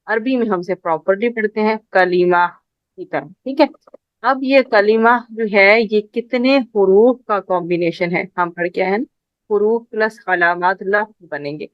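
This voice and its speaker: A woman teaching an online class, patiently repeating each point slowly for her students. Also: mid-range voice, no echo, lo-fi sound.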